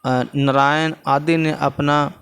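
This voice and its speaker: Male teacher with a Bihari Hindi accent, clear resonant voice, repeats lines while pointing at the text. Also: fairly high pitch, little pitch movement, slow pace, a bit bright. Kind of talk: classroom lesson explaining textbook answers.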